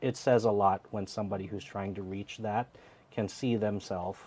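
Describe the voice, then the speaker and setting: A man's voice: fairly low pitch, steady tone, moderate pace, a little mellow, a little hiss or hum. A man in his thirties from the United States, speaking in an earnest, reflective way as a guest in an interview. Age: 30s. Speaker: theater co-producer, guest. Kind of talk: interview conversation.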